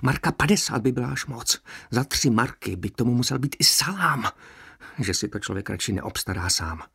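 A plaintive, fretful prisoner who complains about every bite and coin, as a male narrator puts him on. The voice rides up high and loud against a gravelly, husky base. It sounds close and dry, like a storybook reading. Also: lively intonation, no room sound, heavily acted. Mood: complaining. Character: whining anxious man prisoner haggler.

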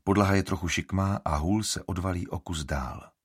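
A man reading an audiobook in an expressive storytelling manner. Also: deep voice, breathy edge, dry recording, clean studio sound. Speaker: audiobook narrator. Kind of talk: scripted narration.

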